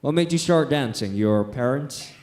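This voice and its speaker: A man acting a calm, probing director who questions a dancer during an audition scene on a theater stage. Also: medium pitch, moderate pace, lightly acted. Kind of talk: stage dialogue.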